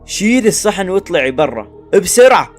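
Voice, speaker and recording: A strange, short-tempered company boss, voiced by a man narrating a story. He speaks in a curt, irritable way with a slightly raised pitch, and faint music plays behind him. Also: fairly quick, a little mellow, lightly acted.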